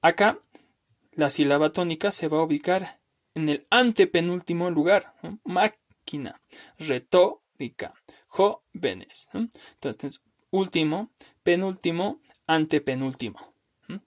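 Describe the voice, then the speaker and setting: A man teaching a recorded spelling lesson over slides, patient and step by step, often checking in with "¿no?" and slowly drawing out words to show where the stress falls. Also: fairly high pitch. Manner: patient, explains step by step with frequent "¿no?".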